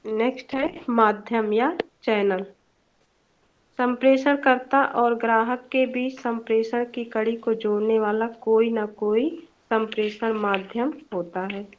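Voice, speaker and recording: A woman's voice: on the high side, fairly even intonation, slow, a little hiss or hum. A young woman giving a student presentation in an online class, explaining points with examples and a few hesitant fillers. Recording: dull lo-fi online class audio.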